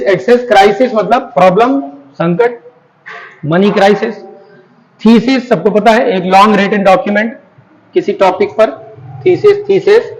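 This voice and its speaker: A man's voice: high-pitched, poor audio. A man teaching grammar in Hindi. He drills words by repeating them and asks students questions that he then answers. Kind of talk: classroom grammar lesson.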